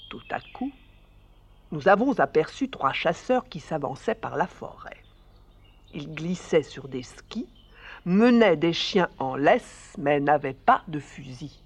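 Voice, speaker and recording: A man voicing an old wise leader goose who recounts a journey in a slow, measured way for a radio drama reading. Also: fairly high pitch, full character voice. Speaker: storyteller figure.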